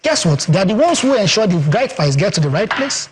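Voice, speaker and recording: A Nigerian communications expert with a Yoruba accent speaks emphatically as a guest in a TV studio interview. His voice sits high and sing-song, and he talks fast, leaning rhetorically on "guess what" and "you understand." There's a little hiss or hum in the audio.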